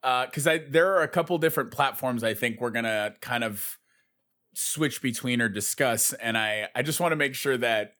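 Mid-pitched man clarifying on a podcast. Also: normal speed, bright, forceful tone. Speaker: podcast co-host. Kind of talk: casual podcast discussion.

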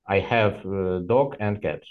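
A Ukrainian-accented man in his thirties introduces himself slowly, stumbling and correcting himself. His voice sits fairly low, and the call audio is dull. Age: 30s. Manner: halting, self-correcting. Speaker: student.

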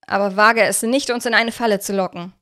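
A young girl, anxious and wary of strangers, as a woman reading a storybook puts her on. She speaks a little higher and more urgently than the narrator, though the voice stays close to the reader's own. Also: fairly even intonation, a little fast, sharp tone, close to an everyday voice.

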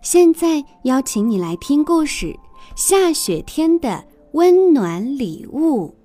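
A woman tells a children's story with a bright, high voice. Her reading rises and falls widely in a sing-song way. Faint music plays under her narration. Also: very animated, slow.

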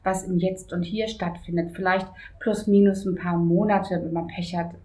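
Frank, measured woman in her fifties. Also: on the low side, steady tone, darkish tone. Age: 50s. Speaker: interview guest. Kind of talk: reflective interview answers.

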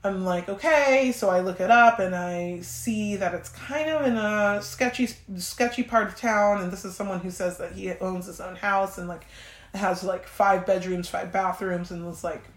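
A woman hosting a podcast, telling a personal story in a casual, animated way, swearing freely and acting out what she and others said. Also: mid-range voice, moderate pace. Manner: profane, animated, quoting herself and others. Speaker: podcast host. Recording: roomy echo.

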